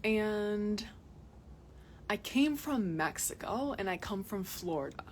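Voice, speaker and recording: A young adult health vlogger from Massachusetts, speaking slowly in an expressive mid-range voice with a little hiss or hum, chats casually to viewers. She's recording live on her phone outdoors in cold mountains and often repeats words for emphasis.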